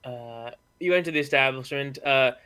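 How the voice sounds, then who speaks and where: Bright, clear-voiced man narrating as game master. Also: mid-range voice, normal speed. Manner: loose, hesitant narration full of fillers.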